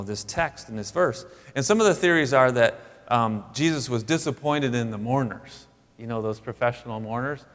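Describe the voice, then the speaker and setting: A male pastor preaches in a loose, conversational way, his voice in the middle of the range. He often jumps higher to stress a point. His words ring out with a long reverb, as in a church sanctuary. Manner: conversational, animated, rising emphatic asides. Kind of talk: sermon.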